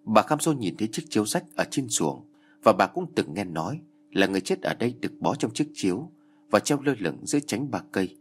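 A man narrating a dramatic ghost story in an expressive, animated reading. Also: on the low side, fairly quick, a little hiss or hum.

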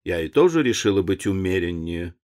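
A man's voice: sits low, big pitch swings, a little fast, a little mellow, voice pushed down. A man voicing an older society lady, mild and subdued.

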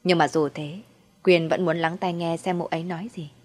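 A woman narrating a dark story in a steady, dramatic way. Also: lowish voice, moderate pace.

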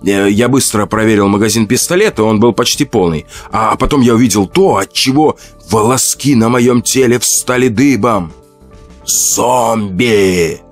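A man's voice: lowish voice, normal speed, few pauses, soft background music. A man narrating a first-person horror story in a conversational way, with fillers and asides to the listener.

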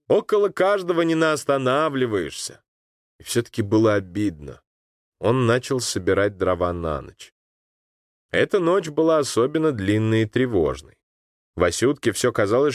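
A man narrating a literary story in an expressive audiobook reading. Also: mid-range voice, dry recording, studio quality.

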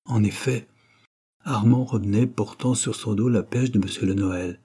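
A man narrating a novel as an audiobook in a measured, steady reading. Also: on the low side, slightly rough.

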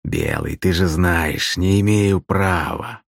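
A hungover middle-aged minstrel groans and whines every complaint, as a man acts him out. The voice sits deep and low, recorded dry and close for a storybook reading. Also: huge pitch swings, slow, vocal fry, no echo, exaggerated voice. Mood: groaning.

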